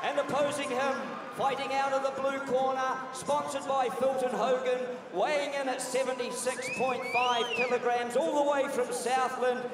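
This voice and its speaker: A man with a New Zealand accent announcing a boxing bout with drawn-out showman calls. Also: extremely high pitch, flat delivery. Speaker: ring announcer. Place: large indoor arena, over PA. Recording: echoey arena PA from far off, crowd noise.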